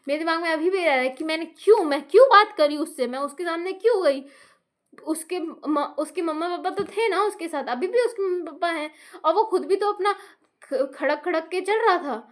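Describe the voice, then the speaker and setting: A young Indian woman venting in casual self-talk, frustrated, swearing and mixing Hindi with English. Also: very high-pitched. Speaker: vlogger.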